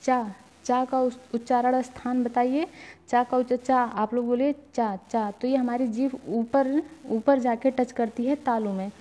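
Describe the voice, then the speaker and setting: Woman, online tutor, higher mellow voice, drills sounds aloud for students. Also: fairly even intonation. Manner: drawn-out sounds modelled for repeating; talks to viewers as friends. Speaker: online teacher. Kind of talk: exam-prep lesson.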